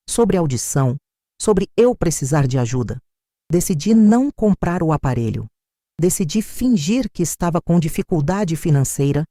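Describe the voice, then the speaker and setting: An older woman with a Brazilian Portuguese accent narrating a first-person family story in a measured, bitter, reflective way. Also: sits low, warm tone, no echo, studio quality.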